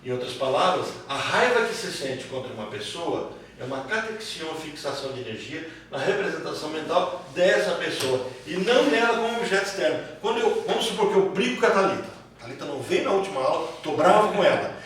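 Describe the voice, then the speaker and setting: A Brazilian man teaches a class informally in a fairly high, slightly bright voice with big pitch swings, talking a little fast with few pauses. He repeats phrases and uses short tag questions to make sure students follow. The far-off mic picks up an echoey room and clear background noise.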